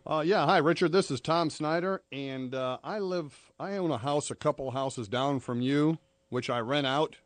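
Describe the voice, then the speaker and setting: An American radio host makes a prank phone call, conversational and matter-of-fact yet insistent. His voice runs on the high side at a moderate pace, with a bit of hiss or hum, in a dry, close radio studio sound.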